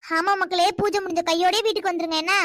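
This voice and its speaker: A very high, piercing cartoon mother, as a performer puts her on, fussing and nagging her daughters, repeating every instruction. Her voice is bright and brisk, and the recording is dry and close. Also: fairly even intonation, dry recording. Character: bossy fussing older mother. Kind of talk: cartoon voice acting.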